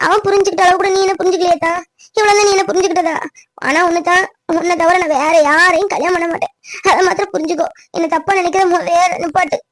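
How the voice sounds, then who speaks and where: A woman's voice: extremely high pitch, steady tone, quick pace, a bit bright, no room sound. A woman voicing a young village woman who pleads tearfully with her cousin. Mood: pleading tearfully. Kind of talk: cartoon drama.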